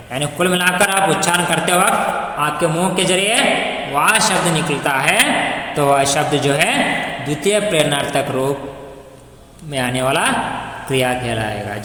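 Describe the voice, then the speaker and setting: A man teaching children grammar in a slow, deliberate way, repeating each word and stretching some out. His voice is bright and fairly high for a man. He sounds far from the mic in a roomy space with a long echo. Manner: slow, repetitive, drawn-out drilling of words. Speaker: school Hindi teacher.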